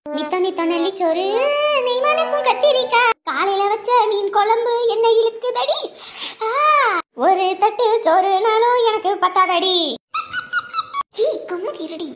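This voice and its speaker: A woman's voice: very high voice, animated, unhurried, reverberant. A woman in a village comedy skit playing a greedy young wife who wails and whines about her food. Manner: wailing over a burnt mouth.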